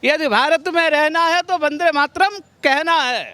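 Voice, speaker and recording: Man w a really high voice, firm, emphatic, out on the street. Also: a little slow, pushed and bright, no room sound. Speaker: interviewee in a street poll. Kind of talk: street interview. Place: outdoors on a city street.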